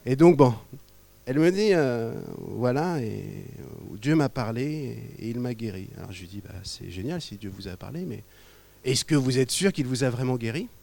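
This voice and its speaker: A man from Normandy preaching to his congregation, a pastor who tells stories in a loose, conversational way and often drops to quiet asides. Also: mid-range voice, big pitch swings, normal speed, creaky. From Normandy, France. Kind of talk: sermon with storytelling. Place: church.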